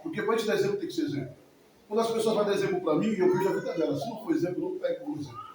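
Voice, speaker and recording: A man in his forties tells his story to a church congregation at a quick pace, emotional and rambling, often circling back over the same words. His voice sits high for a man. He is picked up from a distance in a very echoey hall, with faint noise behind him. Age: 40s. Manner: emotional, rambling, repeats himself. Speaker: church member giving testimony. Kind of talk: spoken testimony in church.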